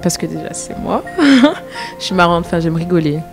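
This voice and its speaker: Brief: cheerful, self-assured female contestant, deep voice, music under. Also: big pitch swings, normal speed. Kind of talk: speaking to camera.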